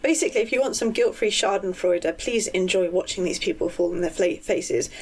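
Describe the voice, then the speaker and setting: A woman's voice: medium pitch, fairly quick, darkish tone, poor audio. A woman co-hosting a podcast, chatting casually about books and writing, given to ranting with lots of fillers. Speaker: podcast co-host.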